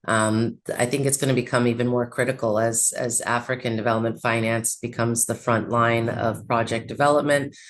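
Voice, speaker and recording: A man's voice: medium pitch, little pitch movement, brisk, few pauses, a bit bright. A man moderating an online panel, asking questions in a conversational way with many fillers. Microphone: video call.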